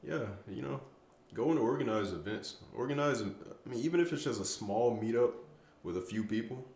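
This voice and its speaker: A man's voice: mid-range voice, expressive, fairly quick, darkish tone, reverberant. A tired young man chatting casually on a late-night stream, rambling and stumbling over his words, with self-mocking trash talk. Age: young adult. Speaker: streamer answering chat.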